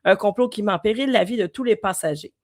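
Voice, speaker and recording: A woman's voice: mid-range voice, quick pace. Québécoise woman podcaster reading a blurb. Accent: Québécois French. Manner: brief agreeing replies, careful reading. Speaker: podcast co-host. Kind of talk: casual chat and reading aloud.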